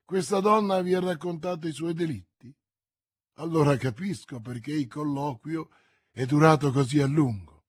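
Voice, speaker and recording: A man's voice: on the high side, normal speed, husky, dry recording, studio quality. A man reading aloud, voicing a stern, suspicious baron who speaks in a mocking, contemptuous way.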